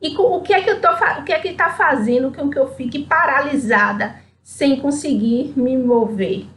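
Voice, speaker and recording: A woman with a high, bright voice reads a children's story to an audience. Her telling is expressive and sing-song, with a faint hiss of noise underneath. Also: normal speed. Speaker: speaker at a spiritual center. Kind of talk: reading a children's story aloud, then a reflective talk.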